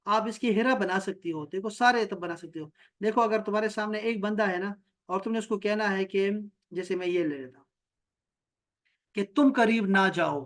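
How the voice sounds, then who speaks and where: A man with a high-sitting voice runs an online Quran and Arabic grammar lesson on a video call. He says short Arabic phrases slowly, patiently explains each one, then checks his students' responses by questioning them.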